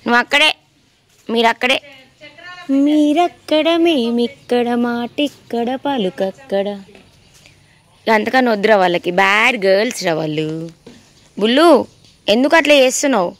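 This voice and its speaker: A woman's voice: on the high side, lively intonation, normal speed, long pauses. A woman, chatting and teasing her pet dogs in a casual vlog. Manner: teasing, doting talk to dogs.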